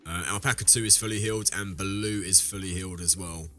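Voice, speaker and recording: A man's voice: low voice, fairly even intonation, quick pace, pushed and bright, soft background music. A man, audibly ill, chatting casually through a game and rambling with self-corrections as he addresses viewers. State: ill, deeper voice than usual. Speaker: let's play host. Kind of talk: casual gameplay commentary.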